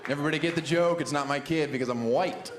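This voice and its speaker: A man performing a stand-up comedy set, sardonic and deadpan, slipping into shrill mock voices. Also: fast talker, very noisy. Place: comedy club stage before a laughing audience. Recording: echoey room with loud crowd.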